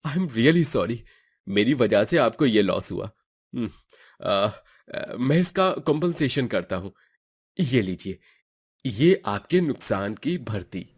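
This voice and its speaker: A man's voice: mid-range voice, big pitch swings, takes it slowly, breathy edge, exaggerated voice. A man voicing a courteous, lovestruck young man in a cartoon, speaking earnestly. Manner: courteous, earnest, stammers when nervous. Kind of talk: Hindi cartoon voice acting.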